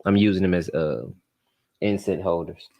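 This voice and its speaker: A man hosting a casual livestream chat, loud and joking, trash-talking his guests. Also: deep voice, normal speed, dull audio. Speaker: host.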